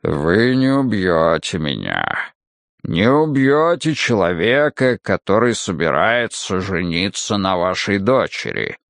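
A menacing, brutish hulk of a man growls in a deep, guttural rumble, as an audiobook narrator puts him on. He takes his time, stretching each phrase slowly and scornfully. The recording is dry, with no room sound. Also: big pitch swings, vocal fry, a bit bright, no echo, heavily acted. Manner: slow, drawn-out delivery. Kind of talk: audiobook character voicing.

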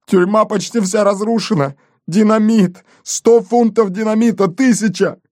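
A man voicing an excitable, wounded male gendarme who boasts and shouts in a storybook reading. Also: a little high, measured pace, no echo, clean studio sound, voice pushed up, lightly acted. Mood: panicked boasting.

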